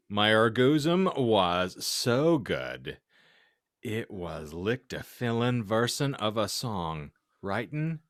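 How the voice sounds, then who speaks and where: A podcast co-host with a low voice gives a comic, dramatic reading of badly written fiction, stumbling over the misspelled text and breaking into laughter. The recording is studio quality with no room sound.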